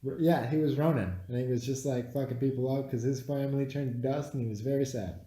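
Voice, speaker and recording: Fast, warm and steady at medium pitch, a man co-hosting a podcast reviews a film bluntly over a few beers, cursing freely in casual chat. He comes across as dismissive and teasing, and the home recording sounds roomy and echoey.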